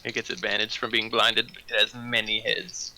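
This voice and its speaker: A man's voice: on the low side, monotone, normal speed, pushed and bright, slight background noise, rough recording. A man running a tabletop fantasy game as game master, narrating scenes and calling out rolls.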